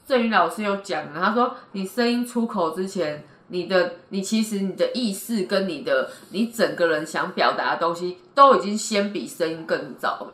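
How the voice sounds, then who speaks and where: A woman's voice: on the low side, lively intonation, moderate pace, hardly any pauses, fairly bright tone. A woman, co-hosting a casual chat and pressing her partner with direct, impatient questions. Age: 40s. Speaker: podcast co-host. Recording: roomy echo.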